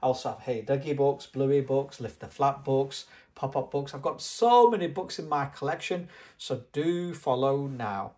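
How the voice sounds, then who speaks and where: Addressing young children directly, a storybook reader and channel host narrates a scripted children's book with plenty of expression. The adult's voice is medium in pitch with a darkish tone, moving at normal speed with few pauses.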